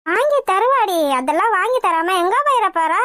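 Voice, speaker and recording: A woman's voice: extremely high pitch, expressive, normal speed, bright, forceful tone, dry recording, clean studio sound, exaggerated voice. A woman voicing a scheming, cruel middle-aged mother-in-law in a cartoon, mocking and coolly threatening. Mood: menacing. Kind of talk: Tamil cartoon voice acting.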